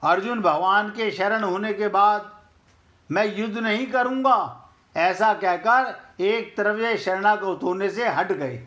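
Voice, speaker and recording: Middle-aged male spiritual teacher, high voice, slow and earnest, talks straight to listeners. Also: fairly bright tone, highs cut off. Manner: chants couplets slowly. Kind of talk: explaining scripture.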